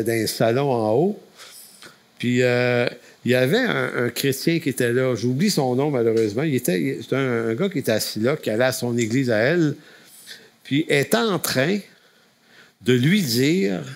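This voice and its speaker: Addressing a camp, a man with a Quebec French accent gives a folksy storytelling testimony about his faith. His voice is middle-pitched, and he often starts phrases over.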